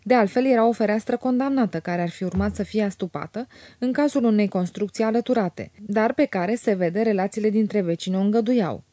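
Woman reading a novel aloud, warm mellow voice, dry close sound. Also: mid-range voice, no echo. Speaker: narrator. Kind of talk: audiobook narration of a classic novel.

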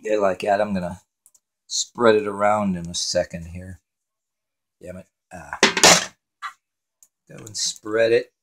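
Cooking-show host, male, lowish voice, rambling and profane, noisy phone recording in a home kitchen with clattering pans. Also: steady tone, slow pace, long pauses. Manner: rambling, swears casually, talks to himself while working. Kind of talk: casual cooking narration.

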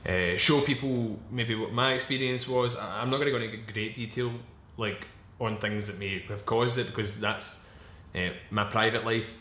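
A man in his twenties speaking candidly in a personal vlog, halting and searching for words, with frequent restarts and blunt swearing. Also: on the low side, a bit bright, slight background noise. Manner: frank and swearing. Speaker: vlogger. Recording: echoey room.

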